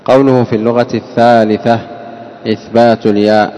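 A man's voice: medium pitch, little pitch movement, a little fast, dark tone, lo-fi sound. A man teaching a grammar lesson, often asking his class questions and repeating the answers. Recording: long hall reverb.

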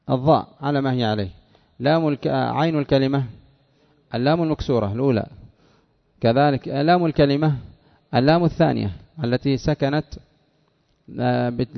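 A man teaching a grammar lesson who reads from a text, asks his listeners questions and answers them himself, slowing down to spell out example words. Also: mid-range voice, gravelly, dull audio. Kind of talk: classroom lesson reading and explaining a text.

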